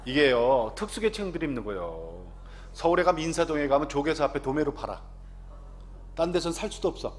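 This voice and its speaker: A man in his fifties, an announcer, giving a lively testimony to a congregation and often asking the audience questions. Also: on the high side, brisk, slight background noise.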